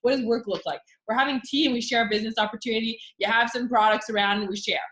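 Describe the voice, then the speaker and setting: A woman with a fairly high voice talks up her business in a rush of excited chatter, full of fillers and little asides. The sound bounces around a roomy, echoey space. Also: rapid-fire. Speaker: network marketing consultant. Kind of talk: enthusiastic business pitch. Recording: echoey room.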